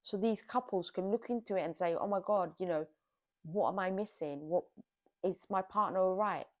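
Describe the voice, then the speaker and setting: A woman's voice: medium pitch, normal speed, a little mellow. A woman giving casual, exasperated commentary on a reality TV show, scolding the people on it.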